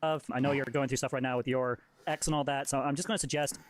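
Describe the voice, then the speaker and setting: A man of average pitch talks extremely quickly in casual streamer chat. His delivery rambles along conversationally. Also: fairly even intonation, slight background noise.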